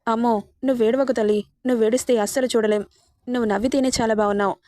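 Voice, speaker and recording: A woman's voice: on the high side, fairly even intonation, fast talker, mellow, no echo, studio quality, lightly acted. A woman voicing an affectionate older father-in-law who comforts the young bride in a storybook reading. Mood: doting. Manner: affectionate and soothing.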